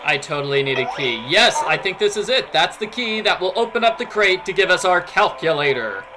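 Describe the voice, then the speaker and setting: A man with a high-pitched, sing-song voice gives brisk, casual let's play commentary while gaming, playful and rambling with mock-dramatic asides. Game music and other noise sit in the background.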